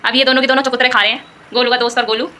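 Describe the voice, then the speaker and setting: A young woman vlogging with a Garhwali-tinged Hindi accent, teasing and coaxing a small child in loud, high bursts, then narrating her day casually. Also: level tone, very fast. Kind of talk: casual family vlog.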